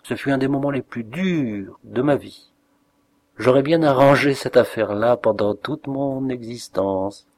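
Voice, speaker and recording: An audiobook narrator with a mid-range male voice reads a classic short story aloud in an expressive, measured style.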